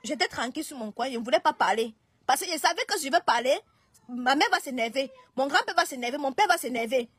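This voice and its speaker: Woman streamer, high-pitched, hesitant casual live talk. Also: expressive, fast talker, a bit bright, dry recording, clean studio sound. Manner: hesitant, restarts and pleads.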